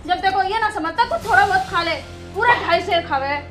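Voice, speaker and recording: A woman's voice: extremely high pitch, animated, a little fast, a bit bright, faint music behind. A woman playing a resentful young daughter-in-law who complains sharply. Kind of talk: rural film drama acting.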